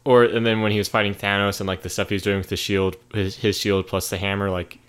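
Very low-voiced man rambling excitedly. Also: fast talker, clear, resonant tone. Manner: enthusiastic, rambling with many fillers. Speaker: podcast co-host. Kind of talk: casual chat.

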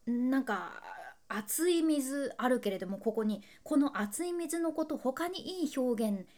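A woman with a high voice and a hosting a relaxed solo podcast. She chats playfully and laughs often. She speaks straight to the listener in a friendly, talkative way. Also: a little slow. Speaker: podcast host, freelance announcer.

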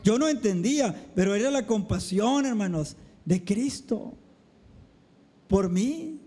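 Male pastor, high mellow voice, keeps addressing the congregation as brothers. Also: lively intonation, slow. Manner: addresses the congregation as "hermanos" constantly. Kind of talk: sermon.

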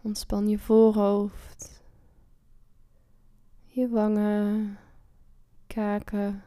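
Soft, slow-spoken woman guiding a meditation. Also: medium pitch, monotone, dry recording, studio quality. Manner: slow, soft and soothing, with long pauses and drifting into whispers. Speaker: meditation guide. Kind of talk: guided relaxation meditation.

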